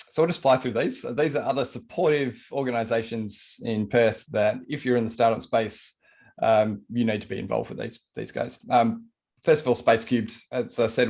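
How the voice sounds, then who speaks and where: A man hosts an online meetup on a video call. He talks in an informal, colloquial way, running through announcements and plugs at an ordinary mid-range pitch. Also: fairly even intonation, normal speed, creaky, darkish tone. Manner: casual, colloquial. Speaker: event host.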